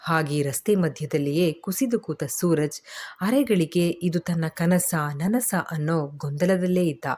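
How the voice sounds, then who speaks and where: A woman narrating a serialized family drama in a steady, expressive reading style. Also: lowish voice, a little slow. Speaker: storyteller. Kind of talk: scripted story narration.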